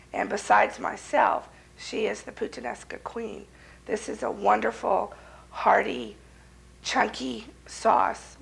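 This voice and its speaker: A woman hosting a local TV cooking show, hoarse from a cold, folksy and chatty with her viewers. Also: medium pitch, rough recording.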